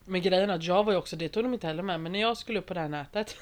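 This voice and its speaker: A young woman with a slightly low voice, chatting casually. She is expressive, laughs often and swears in passing. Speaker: reality show contestant. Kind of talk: casual podcast chat.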